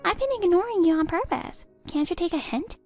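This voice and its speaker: A woman's voice: very high-pitched, animated, a little fast, soft background music. A woman voicing a spiteful stepdaughter in her twenties who sneers and cuts down her stepmother. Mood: scornful. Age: 20s. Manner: sneering, cutting, contemptuous. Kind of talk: text-story voice acting.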